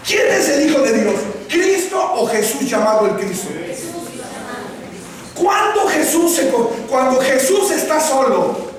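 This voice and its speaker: A man's voice: very high-pitched, very animated, a little slow. A man preaching a sermon, quizzing the congregation and having them repeat his words. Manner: questioning the congregation, calls for repetition. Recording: echoey hall, voice from far off, faint ambience.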